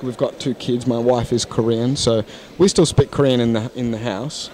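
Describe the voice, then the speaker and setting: This casual interview guest, an English teacher, speaks in a steady, mid-range, slightly dark voice at a moderate pace. Holding a mic in a conference hall lounge indoors, he's frank and thoughtful, often restarting his sentences.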